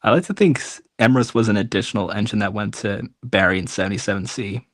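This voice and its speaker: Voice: low-pitched, quick pace. A streamer and hobby voice actor chatting casually with a friend on a livestream. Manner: animated, chatty. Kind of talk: casual chat.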